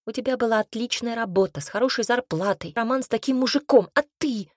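A blunt, outspoken young woman friend, as a woman narrator puts her on in an audiobook, scolding in a sharp, mocking manner. Her voice is husky, a little higher and louder than the reader's own, with a dry close sound. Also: quick pace, no echo, close to an everyday voice.

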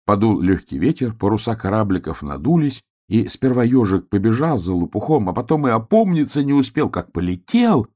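A man narrating a children's storybook with expressive storytelling. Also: fairly low pitch, brisk, few pauses.

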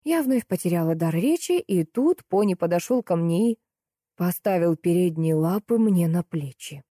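A woman narrating a comic first-person audiobook with a lively, expressive reading. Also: fairly low pitch, normal speed, no room sound, studio quality.

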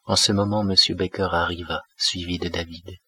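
Deep, flat-voiced male audiobook narrator. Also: breathy edge. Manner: measured, steady. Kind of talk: scripted narration of a classic novel.

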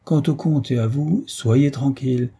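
A man's voice: mid-range voice, unhurried, mellow, husky, voice pushed up. A man voicing a gracious, teasing royal princess in an audiobook story, raised to a lighter, playful tone.

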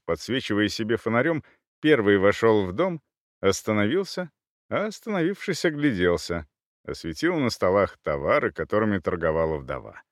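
A man narrating an audiobook with animated delivery, voicing each character. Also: on the low side, no echo, clean studio sound.

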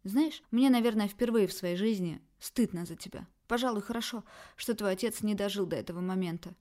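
A woman's voice: medium pitch, brisk, warm tone, close to an everyday voice. A woman voicing a worried, reproachful middle-aged mother in an audiobook. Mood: shocked scolding. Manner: pleading, scolding, emotional. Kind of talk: audiobook character voice.

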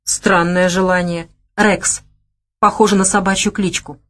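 Woman reading a lively curious young woman. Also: a little slow. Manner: animated, teasing, raised pitch.

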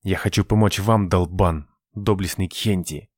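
A cool, hard-edged young agent giving short, commanding orders in a low voice, as a male narrator reads him. The audiobook sound is dry and close. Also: steady tone, a little slow, no room sound. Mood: low, firm. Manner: terse, commanding.

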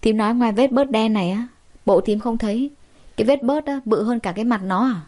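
A woman's voice: fairly high pitch, a little fast, mellow, lightly acted. Give me a woman playing a scornful, sneering rich young man for an audio story. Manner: sneering, rude.

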